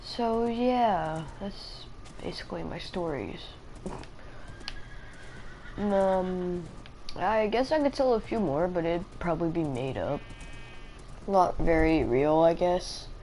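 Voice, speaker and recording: Sleepy, slow-talking woman streamer. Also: fairly low pitch, warm tone, slight background noise, poor audio. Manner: hesitant, rambling, many fillers. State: sleepy and tired. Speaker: live streamer. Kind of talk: casual rambling live-stream chat.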